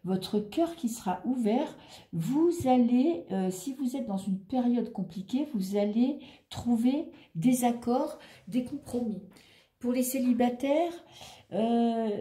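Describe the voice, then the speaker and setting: A woman's voice: on the high side, mellow, roomy sound. A woman reading tarot cards in a chatty, reassuring way, thinking aloud as she turns them. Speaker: tarot reader. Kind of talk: casual tarot reading monologue.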